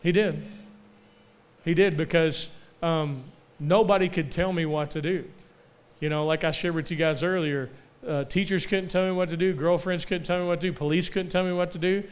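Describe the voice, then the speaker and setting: A young man preaching a sermon at a camp, asking for amens and slowing down to stress key lines. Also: fairly high pitch, fairly even intonation, clean tone. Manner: call-and-response, asking for amens; slows down to stress key phrases. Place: camp meeting.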